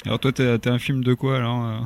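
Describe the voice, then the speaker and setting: A man's voice: medium pitch, flat delivery, fast talker. Man, radio host, hesitant, wordy questions. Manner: hesitant, searching for words.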